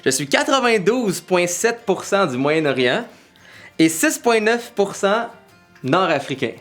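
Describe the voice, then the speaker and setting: A young man, chatting casually as a vlog co-host in a joking, animated way. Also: sits high, unhurried, soft background music. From Lebanese descent. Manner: joking, animated, laughs often. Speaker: vlogger co-host. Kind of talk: casual chat.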